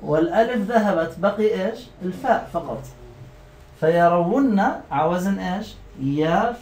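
A male teacher leading a classroom lesson, repeating words slowly and quizzing his students. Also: sits high, expressive, a little mellow, reverberant, a little hiss or hum.

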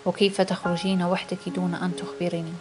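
A woman reading the part of a worried middle-aged mother gently reproaching her daughter in an audiobook. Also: on the low side, level tone, fast, natural voice. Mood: reproachful.

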